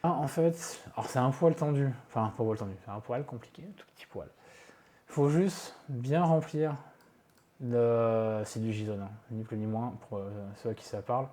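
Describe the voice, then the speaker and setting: A man's voice: medium pitch, normal speed, dark tone. A man talking through a casual screen-recorded tech tutorial from his home office, chatty and self-mocking, with many fillers and asides. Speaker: tech video creator.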